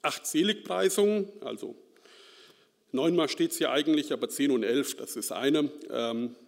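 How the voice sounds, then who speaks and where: Speaking a little slowly in a fairly high voice with vocal fry, this Central Hessian man preaches a casual sermon as a lay preacher. His style is self-deprecating and chatty, packed with fillers and "ne?" tags, echoing through a reverberant hall.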